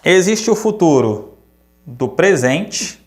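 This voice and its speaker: A man with a Brazilian Portuguese accent teaching a grammar lesson, lively and repeating examples slowly while checking in with questions. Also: on the high side.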